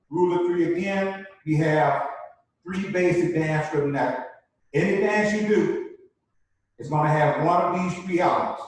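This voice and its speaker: A man teaching a live online dance class, repeating key points and checking in with "right?" as he explains. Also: a little high. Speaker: dance instructor. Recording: very echoey room, distant mic.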